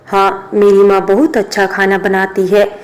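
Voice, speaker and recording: A woman voicing a kind but easily offended young maid, in an earnest, flat reading. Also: mid-range voice, measured pace, lightly acted.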